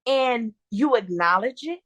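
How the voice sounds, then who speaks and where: A woman with a somewhat high voice coaches her listener through motivational advice in a casual interview. She leans on repetition and restarts her phrases as she builds a point. The sound is dry and close, with no room echo. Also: expressive, a little slow, fairly bright tone.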